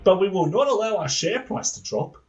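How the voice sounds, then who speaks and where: A man's voice: high-pitched, very animated, fairly quick, voice pushed up, poor audio. A man playing a sleazy corporate boss. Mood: smug. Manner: leering, condescending, explains everything. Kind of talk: comedic table read.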